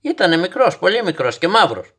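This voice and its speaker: Pushing his voice up into a high, exaggerated register, a man voices a storybook grandfather, old, stubborn and dreamy, who tells far-fetched stories with unruffled, patient confidence. He explains gently and never gets flustered, as though each wild detail were simply true.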